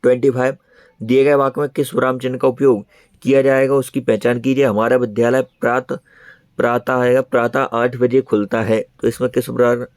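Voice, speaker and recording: A man's voice: medium pitch, darkish tone, no echo. A man teaching an online exam prep lesson in speech, repeating each answer as he explains it.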